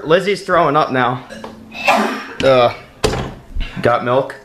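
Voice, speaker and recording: A man's voice: mid-range voice, slow, a crowd in the background. A man filming others, chatting casually from off camera. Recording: noisy video clip.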